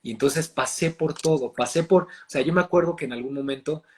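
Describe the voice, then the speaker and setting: A man with a Mexican accent, a voice and acting coach explaining his craft in a casual interview, talking in an animated, lively way. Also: a little hiss or hum. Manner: animated, explanatory, fast shifts in pitch and loudness.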